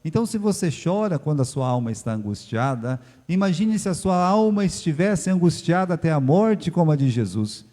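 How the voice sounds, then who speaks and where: A Brazilian man preaching a sermon as pastor of a church, with sudden surges in pitch and volume as he addresses the congregation. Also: sing-song, brisk, hardly any pauses, mellow. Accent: Brazilian Portuguese. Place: church sanctuary. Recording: long church reverb.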